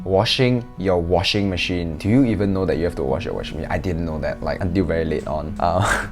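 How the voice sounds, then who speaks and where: A young man with a low, deep voice explains things to camera in a relaxed, conversational way. He works through a list point by point, with the odd restart, and a faint bed of music plays under him. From Malaysia. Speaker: vlogger. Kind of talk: casual explanatory vlog.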